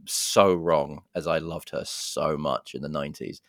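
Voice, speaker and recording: A man's voice: very deep voice, steady tone, a little slow, fairly bright tone, no echo, studio quality. A man co-hosting a podcast, chatting casually and jokily about film trailers. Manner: chatty, jokey, reads out plot summaries. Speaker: podcast co-host.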